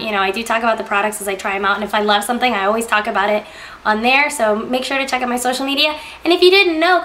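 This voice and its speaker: Young woman beauty vlogger, sick-sounding voice, highish and chatty, casual unboxing talk. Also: fairly bright tone, slight background noise. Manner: chatty, lots of "like" and "um". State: sick, strained voice.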